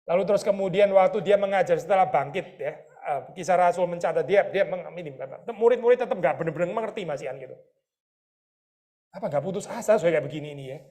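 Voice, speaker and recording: Fast-talking male pastor preaching. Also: high-pitched. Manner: lively, rhetorical questions, addresses listeners as saudara; mixes English words into his talk. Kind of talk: conversational sermon.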